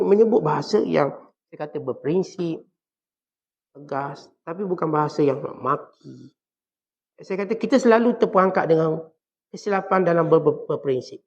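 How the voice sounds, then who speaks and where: Malaysian religious teacher guy, gravelly higher voice, preaching, kinda muffled lo-fi recording. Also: moderate pace. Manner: acts out quoted lines in soft and harsh voices. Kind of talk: sermon. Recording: dull lo-fi recording.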